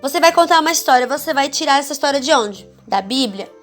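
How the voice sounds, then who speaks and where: A woman with a Brazilian accent teaching an online course for children's ministry teachers, expressive and speaking straight to the viewer with frequent check-ins. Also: high voice, fast talker, faint music behind. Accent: Brazilian Portuguese. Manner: demonstrates varied, theatrical intonation.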